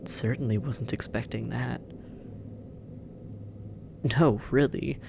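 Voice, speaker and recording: In a scripted audio drama, an actor plays a sardonic demon captor addressing the listener intimately in second person, drawling slowly with a gravelly fry at medium pitch in a steady, darkish tone. Amused and teasing, he slips into breathy murmurs and long pauses, with clearly audible background noise.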